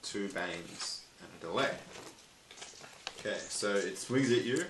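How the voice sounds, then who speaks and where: A man running a tabletop role-playing game as game master, in a relaxed, rules-checking way. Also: fairly low pitch, measured pace. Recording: echoey room with clear background noise.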